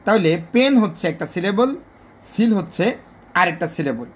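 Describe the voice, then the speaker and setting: A teacher with a Bangladeshi Bengali accent gives a spoken video lesson. The teacher is patient and repeats points, stretching example words out slowly syllable by syllable. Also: mid-range voice, lively intonation. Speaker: English teacher.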